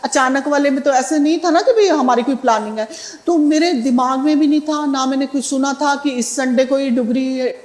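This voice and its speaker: A woman's voice: high-pitched, moderate pace, darkish tone, roomy sound. A middle-aged woman sharing a devotional testimony in a conversational way, with fillers and restarts. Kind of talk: spoken satsang testimony.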